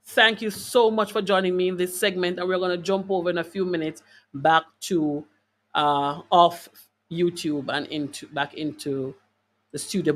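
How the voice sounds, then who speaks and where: Her voice is lowish as she hosts a live online wellness talk and reads out comments from viewers. She speaks with emphatic, preacher-like force, repeating phrases for stress, yet stays conversational, addressing the audience with rhetorical questions.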